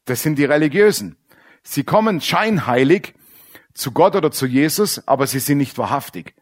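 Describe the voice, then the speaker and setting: A man with a somewhat high voice preaches a sermon at a moderate pace, blunt and animated. He acts out quoted characters and drops into quiet asides.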